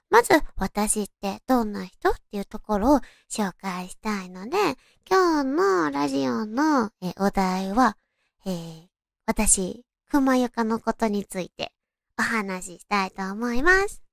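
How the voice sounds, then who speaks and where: A woman's voice: fairly high pitch, animated, unhurried, creaky, no echo, studio quality. A young woman with a cute, distinctive anime-like voice, hosting a casual solo talk and introducing herself in a polite, friendly way. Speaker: host of a solo audio show.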